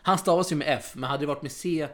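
A man hosting a casual tennis podcast in a chatty way, with quick asides and frequent fillers. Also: on the high side, crowd noise. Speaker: podcast host.

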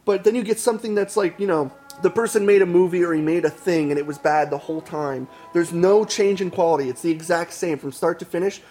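A man's voice: high-pitched, fairly even intonation, fast talker, hardly any pauses, dark tone, faint music behind. A man talking casually with friends, rambling with many restarts and fillers. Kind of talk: casual chat.

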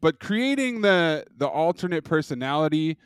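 Man, laid-back podcast talker, asks questions, smooth clear voice, dry close recording. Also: on the high side, big pitch swings, moderate pace, no echo. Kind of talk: casual TV discussion.

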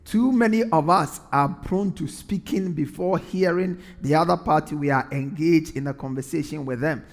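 High-voiced man preaching in an echoing hall. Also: moderate pace. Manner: earnest, repeats phrases for emphasis. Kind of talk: sermon.

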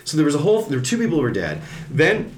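Racing along in a slightly high voice, a man who once worked as a TV executive tells a story as a guest on a podcast. He talks casually and animatedly, performing the voices of those he quotes, with a little background noise present.

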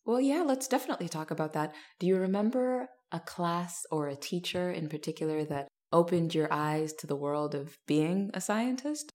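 A woman hosts a science podcast with an upbeat, clear delivery. Her voice sits low for a woman. She reads a scripted introduction before moving into relaxed questions. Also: moderate pace, few pauses. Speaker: podcast host. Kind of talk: scripted intro then interview.

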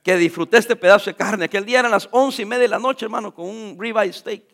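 A man's voice: high voice, fast talker, fairly bright tone. A middle-aged man preaching a sermon as a pastor, jovial and joking with the congregation.

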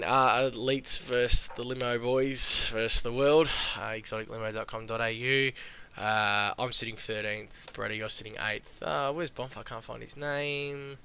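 Bright-voiced Australian man hosting. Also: mid-range voice, gravelly, clear, resonant tone. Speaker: podcast host. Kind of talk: casual fantasy football podcast chat.

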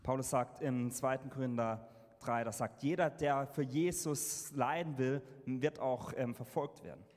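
A man interpreting a sermon live into German, halting and correcting himself as he goes. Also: medium pitch, darkish tone. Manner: halting, with fillers and self-corrections. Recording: reverberant hall sound.

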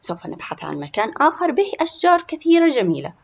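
Woman doing a soft caring mom voice, breathy, lo-fi recording. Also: sits high, big pitch swings, fast, voice pushed up, heavily acted. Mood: gentle. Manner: soft, tender. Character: loving young mother, gentle and patient.

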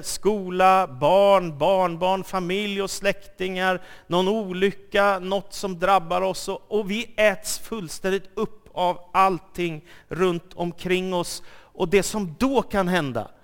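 Male preacher, slightly high voice, dramatic storyteller, long hall reverb. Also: fairly even intonation, clear, resonant tone. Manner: dramatic storytelling, swings from loud acted quotes to soft asides. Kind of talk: sermon.

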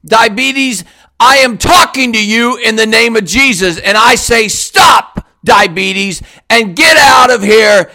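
A man declaring a healing prayer in a commanding, forceful way, with repeated shouted declarations. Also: very high voice, takes it slowly, poor audio.

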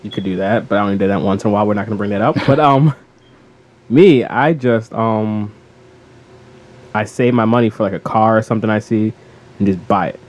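A man co-hosting a casual gaming podcast, energetic and playful, joking and laughing as he talks. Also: lowish voice, a little fast, pauses often. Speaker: podcast co-host.

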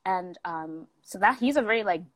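A woman's voice: medium pitch, animated, normal speed, dry recording. A young woman from South Africa, telling a story in a casual chat with lots of fillers, acting out the people she quotes.

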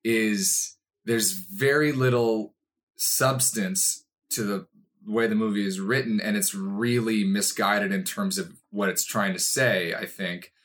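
A man's voice: on the low side, fairly even intonation, slow pace, a bit bright. A man co-hosting a casual film review podcast, talking in a rambling, hesitant way with lots of restarts. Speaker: podcast co-host.

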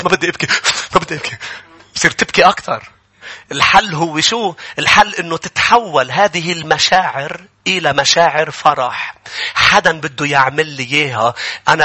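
A man's voice: medium pitch, sharp tone, breathy edge. A male pastor preaching a Bible-study sermon, emphatic and questioning his congregation as he builds to fervent peaks.

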